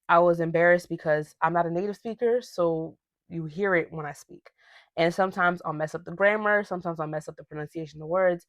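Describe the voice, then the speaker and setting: On her solo podcast, a young woman from Ghana talks casually and with real animation, tossing in slangy side comments as she rants. Her voice is fairly low, and there's no room sound.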